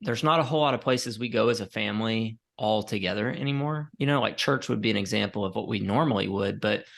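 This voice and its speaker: A man in his forties co-hosting a podcast, telling a rambling story in a relaxed, tired way with many fillers. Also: on the low side, quick pace, vocal fry. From Colorado, USA. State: tired, yawning. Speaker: podcast co-host. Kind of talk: casual chat.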